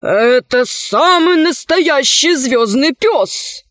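This is a gentle storybook professor and father, as a woman narrator puts him on, speaking slowly and evenly. The voice drops a little below her own, unhurried and dry. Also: expressive, no room sound, full character voice. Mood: calm. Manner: slow, measured, gently lowered voice. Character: calm, kindly male professor father.

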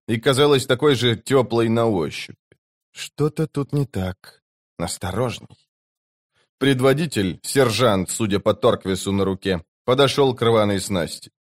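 A man narrating a fantasy audiobook in an even, measured way. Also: on the low side. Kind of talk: scripted narration.

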